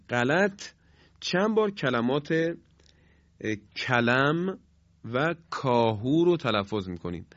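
A man teaching how to pronounce sounds, explaining calmly, then voicing each sound forcefully as a demonstration. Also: medium pitch, no echo, dull audio. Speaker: teacher of Quranic pronunciation.

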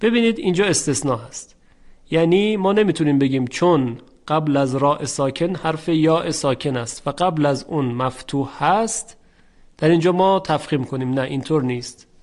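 A middle-aged man teaching tajweed, explaining the rules slowly and chanting the example words drawn out. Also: fairly high pitch, darkish tone. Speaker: Quran recitation teacher. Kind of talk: tajweed lesson.

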